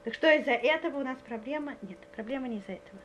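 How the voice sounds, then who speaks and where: High-voiced woman giving a spiritual lecture. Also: racing, a little hiss or hum. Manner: earnest, often asks listeners if they follow; hesitant with frequent filler sounds. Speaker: religious lecturer.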